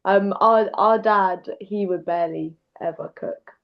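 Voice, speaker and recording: A woman's voice: medium pitch, unhurried, creaky, muffled recording. A young woman musician in an interview, friendly and easygoing. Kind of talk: casual interview.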